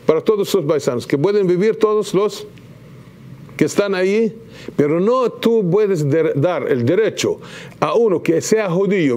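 A man, speaking as an ambassador guest in a TV studio, impassioned and halting with restarts. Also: high-pitched, warm tone. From Palestine. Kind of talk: TV studio interview. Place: TV news studio.

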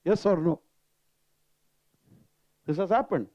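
A man's voice: high voice, takes it slowly, darkish tone, no room sound, dull audio. A man in his sixties with a South Indian accent, lecturing interactively with personal anecdotes and often checking that listeners agree, on a handheld microphone. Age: 60s. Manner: rhetorical questions and frequent checks for agreement; switches between English and Tamil. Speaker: retired professor giving a lecture. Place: indoor seminar room. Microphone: handheld microphone held near the mouth.

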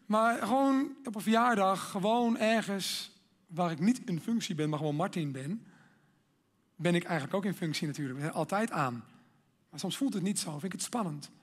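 A man giving a sermon, earnest and emphatic, building up to loud exhortation. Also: high-pitched.

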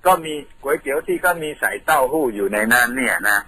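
A man's voice: mid-range voice, expressive, fast, pushed and bright, poor audio. A man from Thailand, a radio guest patiently explaining things in a studio, telling them like a story.

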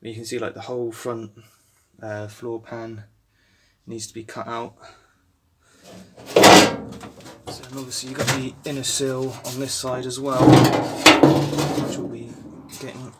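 A young man in his twenties narrates car repair work in his home garage, filmed on a handheld phone. He's a car restoration vlogger with a medium-pitched voice, speaking unhurriedly with frequent pauses, relaxed and rambling with many fillers and restarts, against heavy background noise.

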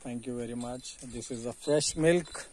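A middle-aged farm vlogger with an Indian English accent walks around a farm outdoors, holding his phone at arm's length for a selfie commentary. His voice is medium-pitched and darkish, his pace unhurried, and he sounds earnest and explanatory with some preachy asides. There's slight background noise.

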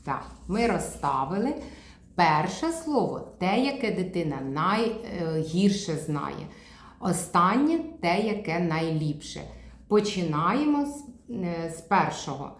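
A woman speech therapist giving a teaching demonstration, spelling words out slowly and emphatically. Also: lowish voice, big pitch swings, roomy sound.

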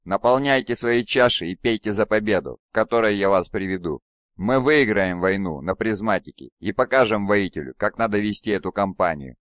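A man's voice: lowish voice, expressive, fairly quick, dry recording. A furious, arrogant demigod warlord, voiced by a man reading an audiobook, bellowing in a raised, strained voice. He spits contempt at those beneath him and demands obedience. The read is dry and close. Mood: grandiose. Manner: imperious, raging, contemptuous shouting. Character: arrogant wrathful demigod warlord, male, towering.

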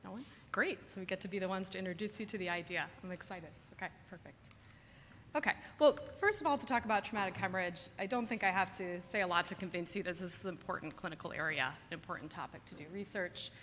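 A woman's voice: on the low side, fast, few pauses, a bit bright. A woman giving a medical conference lecture in a conversational way, putting questions to her listeners. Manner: conversational, engages audience with questions. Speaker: medical researcher presenting. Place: large indoor presentation room. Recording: reverberant hall, clear background noise.

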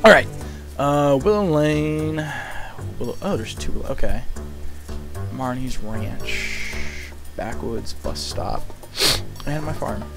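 Slow and creaky, with long pauses, this medium-pitched young man narrates his gameplay as a let's play host, musing aloud in a rambling, casual way and cursing offhandedly. Video game music plays behind him in his small room at home.

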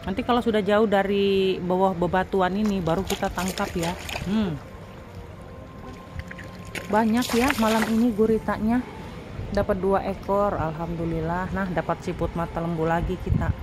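An Indonesian woman narrates a voice-over for her own foraging vlog, chatting with viewers like friends. Her mid-range voice has fairly even intonation at normal speed, with long pauses. Background music plays.

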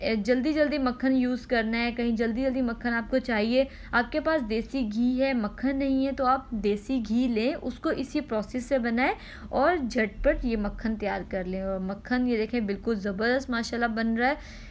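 Speaking in a high pitch, a cooking channel host guides viewers through a home recipe one step at a time. She's unhurried and patient, repeating instructions with frequent little "ah" pauses, while a faint noise floor lies beneath her voice.

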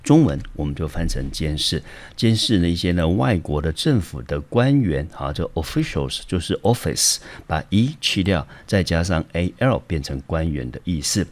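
A man's voice: low voice, very animated, moderate pace. A man teaching English vocabulary in Mandarin with a Taiwanese accent, explaining patiently step by step. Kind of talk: vocabulary lesson.

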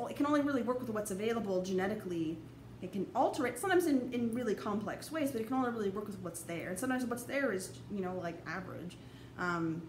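A young woman giving a casual, rambling college lecture over slides, full of fillers and restarts. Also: mid-range voice. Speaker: college anthropology instructor. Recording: echoey room, faint background noise.

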